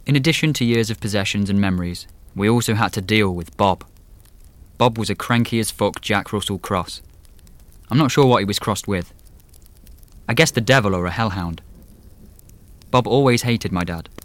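A man's voice: fairly low pitch, moderate pace, long pauses, no echo, close to an everyday voice. A man playing a wry, sardonic man in his late twenties, telling his own horror story in a conversational, dry manner. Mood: wry, reflective. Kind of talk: first-person scripted horror narration.

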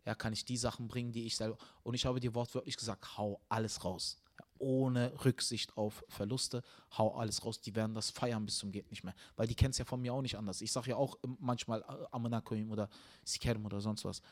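A young man, a comedian hosting the show, chatting casually and telling a story with animated energy, getting loud when riled. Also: fairly low pitch, brisk. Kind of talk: casual chat.

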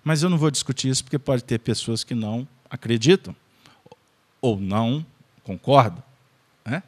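A man's voice: medium pitch, moderate pace. A man with a Brazilian accent presenting a spiritist study group, giving an informal lecture in a joking manner and checking in with his audience. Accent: Brazilian Portuguese.

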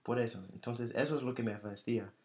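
A man whose first language is English hosts a relaxed chat, feeling his way through each sentence. He doubles back on words and restarts phrases, careful rather than fluent. His pitch is ordinary and middle-range. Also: fairly quick. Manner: hesitant, repeats words and restarts while speaking Spanish. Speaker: host. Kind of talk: casual conversational interview.

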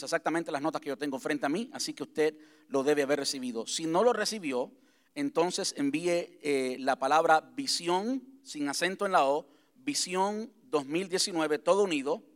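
In a church sanctuary, a pastor addresses his congregation about the church's vision. His voice is a little high, and he speaks conversationally, repeating himself and slowing down to spell out key points.

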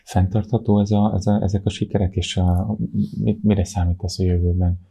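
A man's voice: low-pitched, little pitch movement, vocal fry, dark tone, breathy edge. A man hosting a podcast, presenting and putting questions to a guest. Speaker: podcast host. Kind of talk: scripted introduction and interview questions.

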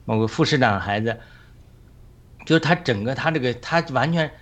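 A man leading a group discussion, talking in a measured way and often checking for agreement with tag questions. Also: medium pitch, expressive, fairly bright tone. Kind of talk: casual spoken sharing.

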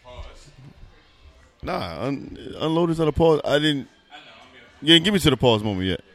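A man in his thirties co-hosting a podcast in loose, rambling casual chat, loud and quick to laugh. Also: fairly high pitch, very animated. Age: 30s. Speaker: podcast co-host.

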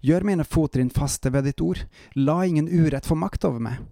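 A man reading psalm verses aloud in a calm, measured way, stopping now and then for short devotional reflections. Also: fairly high pitch, vocal fry, dry recording, clean studio sound. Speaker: Bible reader and preacher. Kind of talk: Bible reading with devotional commentary.

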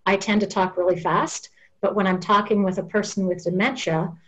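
A woman talks earnestly in an interview, explaining patiently and step by step. Her voice sits at an ordinary middle pitch. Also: fairly even intonation, a little fast, dull audio.

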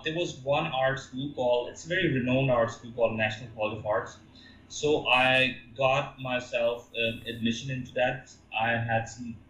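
A man from Pakistan, a musician guest, talking haltingly with many fillers and restarts. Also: mid-range voice, fairly bright tone, roomy sound, muffled recording, slight background noise. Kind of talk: casual interview talk.

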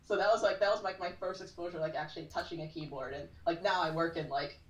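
A woman in her forties appears as a podcast guest, chatting casually and telling stories full of "like". Her lowish voice has fairly even intonation and a fast pace, and the recording sounds roomy and distant from the mic.

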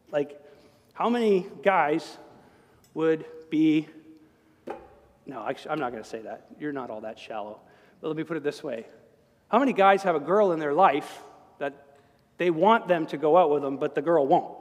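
A male pastor preaching a sermon in a church, talking in a conversational, animated way with humorous asides. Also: fairly high pitch. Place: church sanctuary. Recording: long church reverb.

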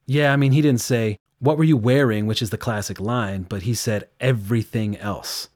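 A man's voice: fairly low pitch, moderate pace, a little mellow, no echo, studio quality. A man working as a victim advocate, earnestly recounting a case in detail during an interview. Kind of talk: interview storytelling.

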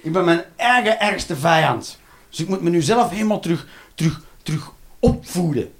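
Animated man doing stand-up. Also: moderate pace, vocal fry. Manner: animated, swings between loud outbursts and low muttering, swears. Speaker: stand-up comedian. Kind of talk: stand-up comedy routine.

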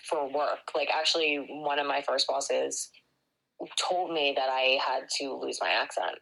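A woman's voice: extremely low pitch, fairly even intonation, unhurried, gravelly, a bit bright, poor audio. A woman with a reduced Delaware County accent chatting casually, blunt and swearing freely. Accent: Delaware County, Pennsylvania, reduced. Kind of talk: casual chat.

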